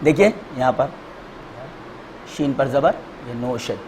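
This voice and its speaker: A man teaching a grammar class, repeating each word slowly and spelling out letters and vowel marks for his students. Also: medium pitch, expressive, darkish tone, slight background noise, low-quality recording.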